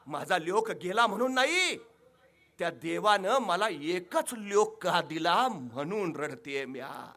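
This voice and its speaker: A woman's voice: on the low side, fairly bright tone. A male orator voicing a grieving, proud old village mother who speaks in rustic, scolding words. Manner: rural village speech, scolding and fierce.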